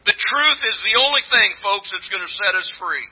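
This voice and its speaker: Husky, high-pitched preacher in his sixties. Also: animated, fairly quick. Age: 60s. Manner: earnest, emphatic, exhorting with repeated phrases. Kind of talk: sermon to a church congregation. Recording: thin, phone-like band-limited sound.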